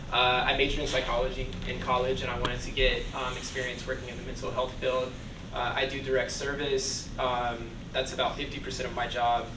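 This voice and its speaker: A young man in his twenties from Georgia introducing himself casually, relaxed and pausing on fillers. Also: mid-range voice. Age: 20s. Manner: relaxed, hesitant with frequent fillers. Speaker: AmeriCorps volunteer. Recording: echoey room, distant mic, background noise.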